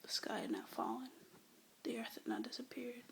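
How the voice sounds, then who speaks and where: Whispering love poems in an ASMR-like reading, a young woman speaks breathy and soft near a phone or webcam mic, adding hesitant, rambling asides. Her voice is on the high side and moves at a moderate pace, its pitch swooping wildly.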